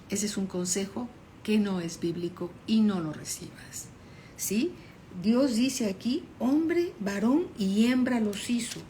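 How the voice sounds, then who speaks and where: A woman's voice: medium pitch, dark tone, slight background noise. A woman pastor giving a Bible study sermon, reading verses aloud and explaining them, often checking in with her listeners.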